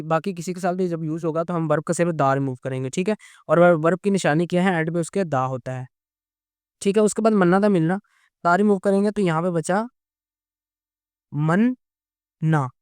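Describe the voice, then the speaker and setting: A man's voice: a little high, darkish tone, smooth, dry recording, clean studio sound. A man teaching a grammar lesson, explaining patiently and checking in with "okay?" after nearly every point. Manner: patient, repeats "okay?" often. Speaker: language teacher.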